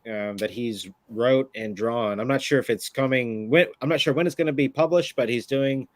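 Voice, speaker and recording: A man hosting a casual talk show, easygoing and halting, with fillers as he wraps up. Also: medium pitch, no room sound. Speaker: host.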